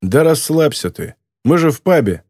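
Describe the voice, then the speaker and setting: A man's voice: on the high side, big pitch swings, normal speed, darkish tone, no echo, clean studio sound. A man voicing a hot-tempered former soldier in an audiobook, talking in a defiant, blustering way. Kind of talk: audiobook character voice.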